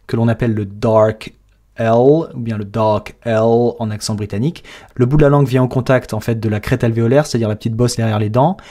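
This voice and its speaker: A man's voice: mid-range voice, mellow. Man, French speaker, pronunciation coach, methodical explanations, lesson. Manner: methodical, breaks down sounds step by step. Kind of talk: explanatory lesson with playback breaks.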